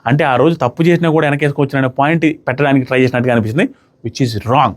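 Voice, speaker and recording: Fast-talking animated male reviewer. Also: medium pitch. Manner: rapid, emphatic, acts out quoted lines. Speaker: reality show reviewer.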